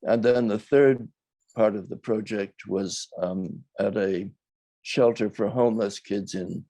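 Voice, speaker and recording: An older man, a documentary filmmaker, talks reflectively in an interview, choosing his words in a thoughtful, measured and hesitant way. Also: fairly low pitch, mellow, no echo, rough recording.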